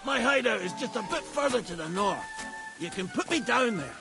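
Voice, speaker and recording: A man's voice: extremely high pitch, animated, fairly quick, over music, exaggerated voice. An actor playing an injured, blunt woodsman who is short of breath and barks orders in a video game. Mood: gruff. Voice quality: gravelly, raspy.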